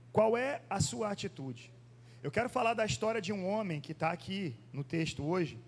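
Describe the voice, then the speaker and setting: Brazilian pastor preaching, high voice. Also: male voice, a little hiss or hum. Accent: Brazilian Portuguese, Rio de Janeiro. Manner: reads scripture slowly, then preaches with rhetorical questions. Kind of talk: sermon with Bible reading. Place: church sanctuary.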